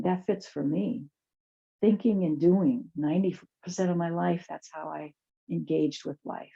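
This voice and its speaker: Female yoga instructor, lowish creaky voice, soft unhurried guided-relaxation delivery, slightly muffled lo-fi recording. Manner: soft, soothing, unhurried guidance with pauses. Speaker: chair yoga teacher.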